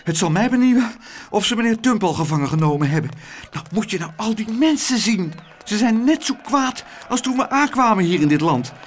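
A man voicing a flustered, fussy older woman who talks in a shrill, hurried way. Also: expressive, slight background noise. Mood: agitated.

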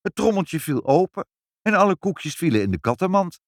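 Man reading a kids story, really animated pitch, dry close sound. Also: normal speed, no room sound. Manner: lively, expressive storytelling. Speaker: narrator.

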